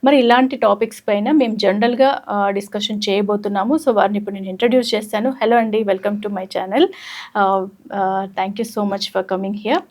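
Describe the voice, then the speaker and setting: A woman hosting a talk channel, indignant and quick to agree. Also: medium pitch, fairly even intonation, a little mellow. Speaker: host.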